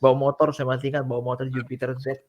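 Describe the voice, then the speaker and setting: A man casually telling a religious testimony as a guest, chatty and relaxed, acting out his own past dialogue. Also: mid-range voice, racing, highs cut off.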